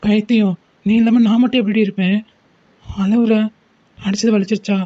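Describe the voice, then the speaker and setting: A woman's voice: medium pitch, steady tone, warm tone, no room sound, lo-fi sound, natural voice. A woman voicing a loving, protective young man in a homemade cartoon, soothing and reassuring. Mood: tender. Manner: soothing, reassuring, quick talking. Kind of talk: homemade animated cartoon dialogue.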